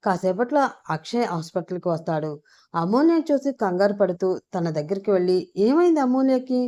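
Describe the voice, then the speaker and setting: A woman narrating an audio story in a steady, plain way. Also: on the low side, a little fast, muffled recording.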